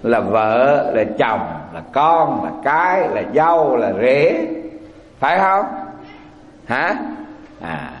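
A Buddhist monk giving a folksy sermon, often asking the audience rhetorical questions. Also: male voice, mid-range voice, sing-song, slow, pauses often, muffled recording. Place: temple hall. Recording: echoey hall.

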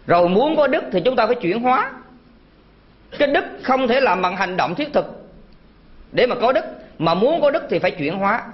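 A monk delivers an earnest sermon, repeating his key phrases. His voice sits high for a man, and the recording sounds dull and lo-fi. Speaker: Buddhist monk preaching. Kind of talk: Dharma talk sermon.

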